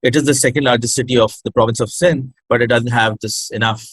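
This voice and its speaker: A man's voice: medium pitch, fairly even intonation, quick pace, husky, no echo, low-quality recording. A man with a Pakistani accent answering in an interview, hesitant and switching between two languages as he explains. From Pakistan, born in Hyderabad, grew up in Karachi. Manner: hesitant, code-switches between English and Urdu. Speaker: interview guest, startup incubator project director.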